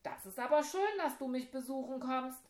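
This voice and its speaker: A woman's voice: sits high, very animated, moderate pace, echoey room, pitched above the performer's own voice. A woman voicing a friendly female number who lives in a tower in a children's story, calling out cheerfully.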